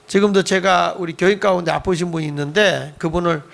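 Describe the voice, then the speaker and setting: A man's voice: a little fast, vocal fry. A middle-aged male pastor preaching a Friday night sermon in a church, joking with the congregation, calling for amens, and acting out the voices of the people in his stories. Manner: acts out quoted voices with sudden jumps in pitch and loudness; humorous, calls for amens from the congregation. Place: church sanctuary.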